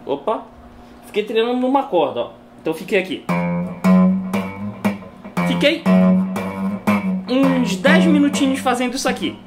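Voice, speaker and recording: A woman's voice: fairly high pitch, animated, unhurried, pauses often. A woman teaching guitar in a casual video lesson, chatting and tagging her sentences with a questioning "né?" while she demonstrates on the guitar at home.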